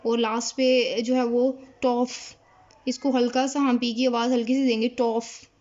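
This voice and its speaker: A woman who speaks natively, teaching German vocabulary at a board, explaining slowly and repeating each word. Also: a little high, flat delivery, a little mellow, lo-fi sound. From Pakistan. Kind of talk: casual whiteboard lesson.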